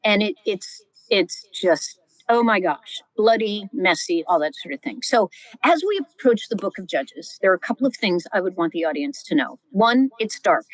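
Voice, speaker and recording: Animated middle-aged woman scholar, dry sound. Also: mid-range voice, moderate pace, no room sound, low-quality recording. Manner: animated, vivid storyteller, exclaims often. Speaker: guest Old Testament scholar. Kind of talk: podcast interview, teaching.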